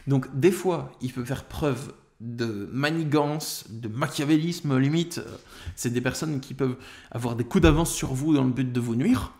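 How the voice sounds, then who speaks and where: A man's voice: medium pitch, measured pace, a little mellow. A man with a French accent, a coach, giving direct-to-camera advice with emphatic, example-driven explanations.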